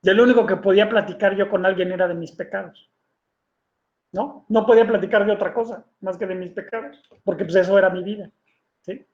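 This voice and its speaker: A man preaches in a relaxed, conversational way, often checking in with his listeners with a quick question. His voice sits high for a man. The sound is roomy and echoing, with a dull, lo-fi quality. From Mexico. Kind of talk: sermon testimony. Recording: echoey room, dull lo-fi sound.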